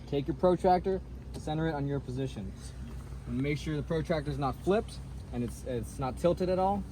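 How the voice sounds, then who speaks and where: Male soldier demonstrating artillery map plotting step by step; mid-pitched, orderly, over noticeable open-air noise. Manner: methodical, narrates each step. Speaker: military demonstrator. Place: outdoors at a shaded table in a field. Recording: noisy outdoor phone recording.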